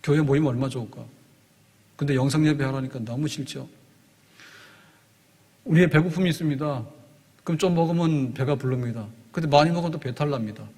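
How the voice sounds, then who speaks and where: A man's voice: on the high side, fairly quick, long pauses, darkish tone, husky, in a large hall. A man preaching a sermon as pastor, explaining in short spoken phrases and rising in force on key words.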